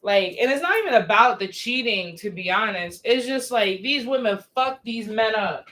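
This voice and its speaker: Young woman, high voice, bright tone, casual livestream rant, profane, exasperated, rhetorical questions. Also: expressive. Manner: blunt, profane, exasperated ranting; rhetorical questions, drawn-out emphasis.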